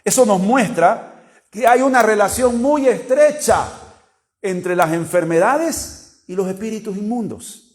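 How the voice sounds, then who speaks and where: A man preaching a sermon, explaining scripture slowly and comparing several Bible versions as he reads. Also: sits high.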